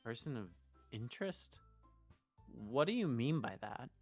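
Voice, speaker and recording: A woman with an extremely low, unhurried voice streams a game, shifting between casual, sweary chat and lines she reads aloud. She's expressive and swears freely, with music playing behind her.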